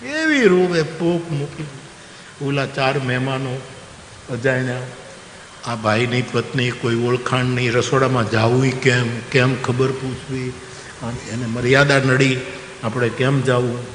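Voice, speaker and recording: A man's voice: mid-range voice, measured pace, fairly bright tone, a little hiss or hum. Folksy man telling a story. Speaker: religious storyteller. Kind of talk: devotional story sermon. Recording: roomy hall with long reverb.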